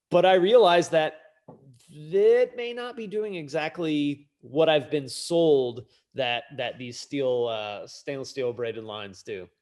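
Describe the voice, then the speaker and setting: A man's voice: a little high, a little mellow. A middle-aged man co-hosting a casual podcast chat as a mechanic, talking bluntly and emphatically, swearing freely.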